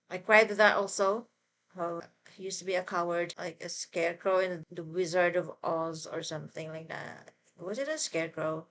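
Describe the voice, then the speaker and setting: A woman with a slightly low voice talks casually to her viewers as a fan. She rambles informally and tells her stories expressively. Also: fairly bright tone, slight background noise. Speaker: fan reaction vlogger.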